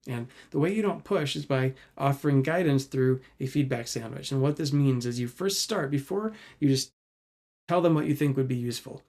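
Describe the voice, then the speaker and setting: A man's voice: mid-range voice, normal speed, darkish tone. A man, a psychologist presenting a parenting webinar in a conversational way, acting out quoted examples. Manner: conversational, uses many fillers and quoted examples.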